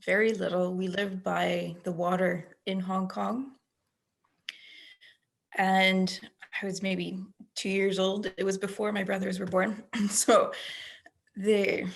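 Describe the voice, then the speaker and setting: A woman's voice: mid-range voice, creaky. A woman telling a story in a casual interview, lightly chuckling between phrases. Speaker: interview guest.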